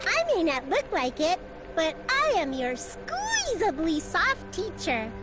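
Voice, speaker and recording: A woman voicing a sweet, cheerful female stuffed rabbit teacher in an anime game, with a cutesy sing-song voice over loud game music. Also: extremely high pitch, huge pitch swings, slow pace, exaggerated voice. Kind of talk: anime game dub voice acting.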